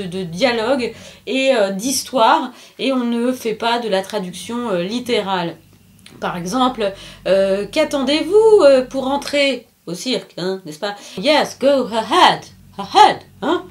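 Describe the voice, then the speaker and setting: Chatty, somewhat high-voiced woman presenter. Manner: chatty, full of hesitations and filler sounds; laughs at her own jokes. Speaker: children's book presenter. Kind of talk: casual book demonstration.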